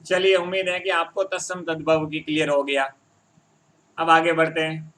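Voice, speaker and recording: A man's voice: a little high, level tone, moderate pace, a bit bright. A man teaching a Hindi grammar lesson, explaining step by step and often checking that his students follow.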